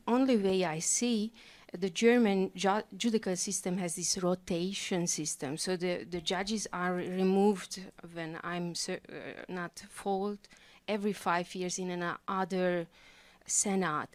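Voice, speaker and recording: Mid-pitched woman from Hungary, earnest, halting audience questioner. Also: a little mellow. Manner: earnest, halting, searching for words. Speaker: audience member asking a question. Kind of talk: conference discussion. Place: conference room.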